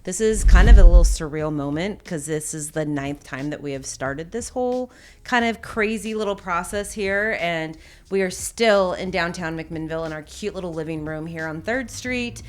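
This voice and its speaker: A woman's voice: lowish voice, normal speed. A woman hosting a podcast, chatting casually in a bubbly, joking, self-deprecating way. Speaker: podcast host. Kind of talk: casual interview chat.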